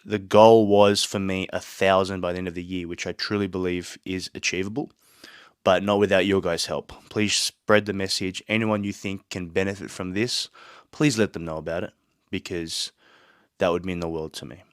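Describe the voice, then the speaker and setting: Recorded dry in his small home studio, a podcast host gives a casual solo monologue, earnest and motivational with rambling detours, despite a sore throat and stuffy nose. His low, smooth voice moves at a moderate pace with fairly even intonation.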